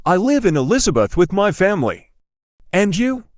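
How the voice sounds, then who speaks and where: A man reading a polite learner's part in a scripted practice dialogue for English learners, speaking slowly and carefully enunciating each line. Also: sits high, sing-song, no room sound, studio quality. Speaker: dialogue reader.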